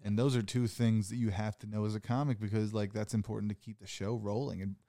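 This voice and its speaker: A man's voice: fairly low pitch, little pitch movement, fast, dark tone, dry recording, clean studio sound. A man in his thirties chatting casually as a podcast host and comic, rambling with lots of "like" and swearing. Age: 30s. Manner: loose, rambling, swears often, says "like" a lot. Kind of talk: casual chat.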